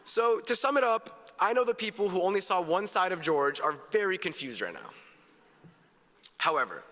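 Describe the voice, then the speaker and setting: A man's voice: sits high, animated, moderate pace, pushed and bright. A teenage male student giving an earnest, upbeat graduation speech with jokes, in a large hall. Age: teens. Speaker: graduation speaker. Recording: echoey hall, long reverb.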